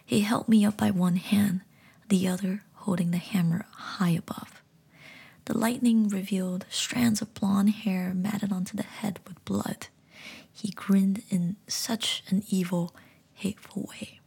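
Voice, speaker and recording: A woman's voice: mid-range voice, fairly even intonation, measured pace, gravelly, warm tone, breathy edge. A woman narrating a first-person horror story entirely in a whisper. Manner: whispering throughout.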